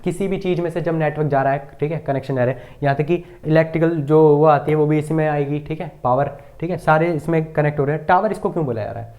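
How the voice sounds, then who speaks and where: A man's voice: on the high side, fast talker, few pauses, a little mellow. A man teaching a computer lesson at a board, asking the class questions and repeating key terms with frequent checks.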